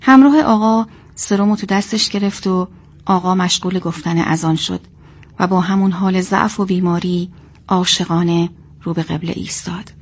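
A woman's voice: fairly low pitch, steady tone. Woman narrating a tender story.

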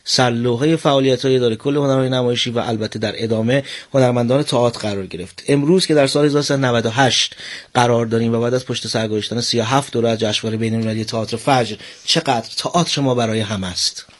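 A male host leads a studio interview in a courteous, formal manner. His pitch sits in the middle of the male range, and he builds long, carefully worded questions. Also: steady tone.

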